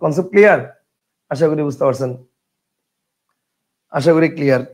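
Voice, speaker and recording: A man's voice: fairly high pitch, a little fast. A man teaching a grammar lesson online, talking colloquially, repeating points and quizzing his students. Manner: colloquial, addresses learners as brother.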